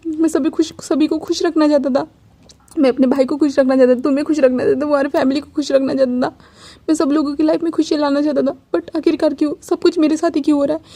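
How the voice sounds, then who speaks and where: A woman's voice: high-pitched, mellow, lightly acted. A woman voicing a tearful, clingy young man who pleads with stammered repeats. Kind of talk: fan fiction storytelling.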